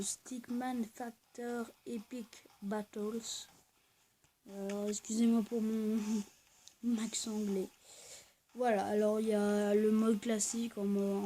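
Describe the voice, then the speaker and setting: Woman, casual game commentary; soft, halting delivery, warm and a bit high, faint noise behind. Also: level tone, poor audio. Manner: hesitant, full of pauses and fillers. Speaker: gaming video host.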